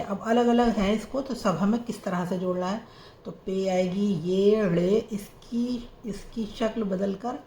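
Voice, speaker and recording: A woman teaching reading and writing, spelling out each letter and sound slowly and repeating the words. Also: mid-range voice, warm tone. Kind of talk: slow letter-by-letter reading lesson. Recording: echoey room with faint noise.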